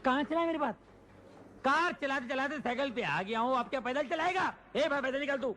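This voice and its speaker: An actor playing an excitable, lovesick young man who shouts and rants with comic overacting in a film scene. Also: high-pitched, moderate pace, a little hiss or hum, exaggerated voice. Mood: ranting. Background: film score music.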